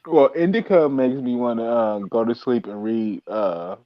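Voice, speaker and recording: A man's voice: medium pitch, unhurried, no echo, lo-fi sound. A man chatting casually as a podcast guest over an online call, giggly and profane in his banter.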